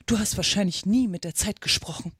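A quarrelsome mad hatter who talks down to everyone, as a woman reads him aloud. He lectures in a riddling, scornful way, in a storybook read-aloud recorded dry and close, at a mid pitch. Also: a little fast, a bit bright, breathy edge, dry recording. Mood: lecturing.

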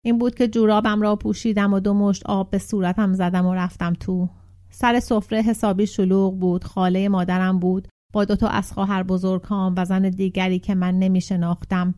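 A woman's voice: mid-range voice, flat delivery, mellow. A woman narrating a short story as an audiobook, reading steadily and shifting her tone for the characters' quoted lines. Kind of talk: audiobook narration with voiced dialogue.

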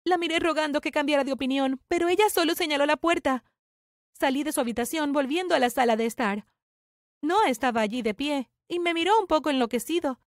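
A woman's voice: high voice, a little fast, no echo, studio quality. A young woman narrating a dramatic first-person story about her twin sister. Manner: dramatic confessional telling.

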